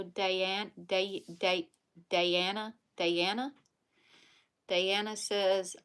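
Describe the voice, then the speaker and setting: Woman host, slow-paced, chatty, reads viewer comments, home livestream, casual. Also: mid-range voice, fairly bright tone, smooth. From Louisiana.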